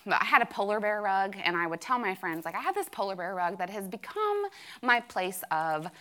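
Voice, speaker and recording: A woman's voice: medium pitch, big pitch swings, normal speed, fairly bright tone. A woman in her thirties telling a personal faith story to a room of friends, candid and self-dramatizing, with many fillers. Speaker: speaker sharing a testimony. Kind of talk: church testimony talk. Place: room with an audience.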